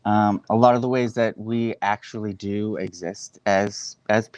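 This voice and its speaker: Smooth lowish guy in his 30s, thinking out loud, muffled dry audio. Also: steady tone, unhurried, dry recording. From Boston, USA. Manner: thoughtful, hesitant, many fillers. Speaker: guest artist. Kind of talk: interview answers. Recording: dull dry lo-fi line.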